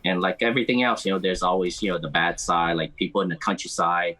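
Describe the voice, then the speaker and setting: Deep-voiced man. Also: steady tone, pushed and bright. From United States, Cambodian American community. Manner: halting, often repeats words as he goes. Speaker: podcast guest. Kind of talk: casual interview chat, mixing Khmer and English.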